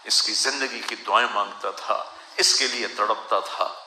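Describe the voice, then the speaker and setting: A man's voice: on the low side, steady tone, sharp tone, echoey room, slight background noise, poor audio. A man preaching an emotional sermon, weeping as he speaks, in a pleading, lamenting way. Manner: tearful, pleading, recites verse in a rising lament.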